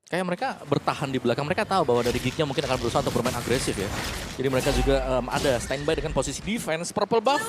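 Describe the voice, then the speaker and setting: A man's voice: mid-range voice, rapid-fire. A man with an Indonesian accent giving casual, analytical esports commentary as a co-caster. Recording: clearly noisy background.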